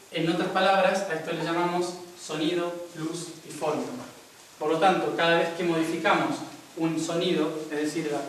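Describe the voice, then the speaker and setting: Young man, spiritual talk, slightly high voice, recorded far off in a big echoing room. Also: a bit bright, slight background noise. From Argentina. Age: young adult. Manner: explains step by step, often checking in with "¿sí?". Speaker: spiritual speaker. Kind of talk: spiritual talk to a live audience. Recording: very echoey room, mic far off.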